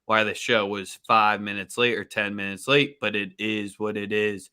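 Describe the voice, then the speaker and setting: A man's voice: on the low side, sharp tone, clean tone. A man co-hosting a casual sports betting show, talking loosely with jokes and slang. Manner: loose, joking, slangy delivery. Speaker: podcast co-host.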